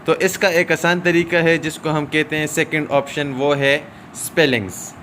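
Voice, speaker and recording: A man teaching a recorded shorthand lesson, explaining step by step with drawn-out "aa" fillers and frequent checks like "okay?". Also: a little high, little pitch movement, a bit bright, slight background noise.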